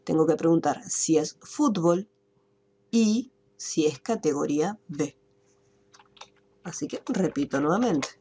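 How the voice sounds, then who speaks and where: Online class teacher, woman, mellow husky voice, patient step-by-step explainer. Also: low-pitched, slow pace, long pauses. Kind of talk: online spreadsheet lesson. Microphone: computer mic on a video call.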